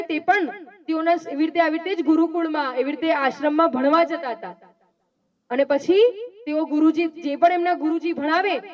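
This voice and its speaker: A high-pitched woman preaches to children in a simple, questioning way, drawing answers out of them one after another. Her voice sits well back from the mic. The sound is dull and muffled. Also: far from the mic. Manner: coaxing, quizzing the children with quick questions. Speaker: Jain nun giving a talk to schoolchildren. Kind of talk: simple sermon to children with call-and-response questions.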